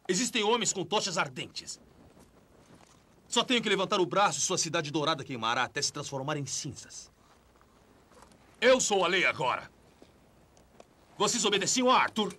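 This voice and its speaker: In a dubbed film drama, an actor voices a menacing dark lord, a tyrannical warlord, with a husky Brazilian Portuguese voice. The male voice is high-pitched and exaggerated, and the delivery is domineering and taunting in classic film-dub style.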